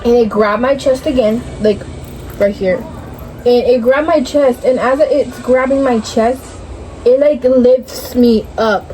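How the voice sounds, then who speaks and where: A woman's voice: on the high side, takes it slowly, dark tone, slight background noise, poor audio. A young woman casually telling a dream story in a hazy, puzzled way, groping for words and swearing often.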